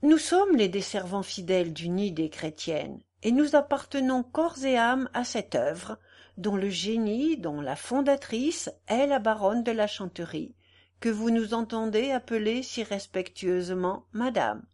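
Old man, devout, gentle, solemn, earnest, read by a woman, audiobook. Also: mid-range voice, lively intonation, a little slow, lightly acted. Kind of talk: audiobook reading.

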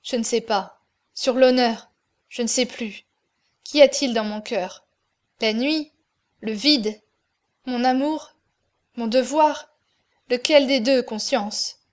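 A woman's voice: fairly high pitch, slow pace, pauses often. A woman reading the part of a distraught older man in an audiobook, voicing his anguished, pleading questions.

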